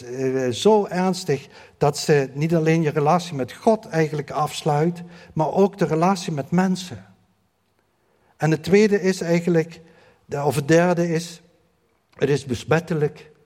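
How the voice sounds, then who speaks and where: Male preacher, slightly high voice, earnest and repetitive, long church-hall reverb. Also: darkish tone. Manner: earnest, repetitive emphasis with frequent fillers. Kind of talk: sermon.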